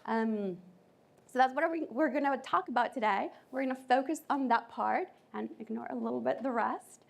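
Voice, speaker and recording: A woman from Colombia with a Colombian Spanish accent, giving a lively conference talk to an audience. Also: fairly high pitch, normal speed, creaky. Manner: lively, audience-engaging presenter. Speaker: conference speaker.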